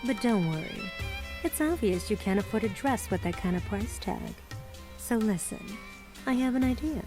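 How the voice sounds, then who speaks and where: Female actor, medium pitch: poised, sly madam, teasing and in charge, video game drama with music behind. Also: lively intonation, lightly acted. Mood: sly, assured. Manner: commanding, teasing, deliberate. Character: poised, sly businesswoman running a massage parlour.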